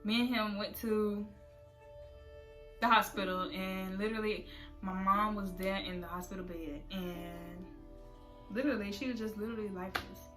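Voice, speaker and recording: Soft-spoken woman telling a personal story. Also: medium pitch, steady tone, normal speed. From South Florida. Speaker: vlogger. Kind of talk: storytime vlog. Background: soft background music.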